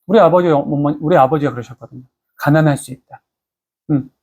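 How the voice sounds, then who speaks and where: High-voiced Korean pastor preaching conversationally. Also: male voice, a little fast, a little mellow. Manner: conversational, asks the congregation questions. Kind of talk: sermon. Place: church.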